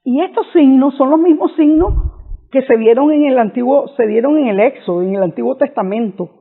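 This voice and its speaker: A man's voice: very high voice, a little fast. A man preaching an unscripted reflection on scripture, earnest, often restarting and repeating his phrases. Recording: tinny phone-like audio.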